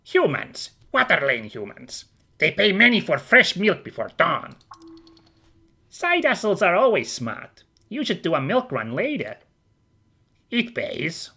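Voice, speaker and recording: A curt little game kobold, raspy and wildly swooping in pitch. The shifty servant talks in short, broken bursts, taking its time between them. Music plays behind. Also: female voice, wildly swooping pitch, a little slow, pushed and bright, exaggerated voice. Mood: blunt, matter-of-fact. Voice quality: raspy, creaky. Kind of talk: fantasy video game character acting.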